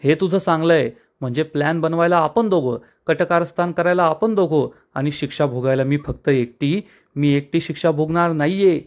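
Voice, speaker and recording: A man's voice: fairly high pitch, moderate pace, lightly acted. A man voicing a spiteful, scheming young woman from a TV serial, scolding and indignant. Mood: angry.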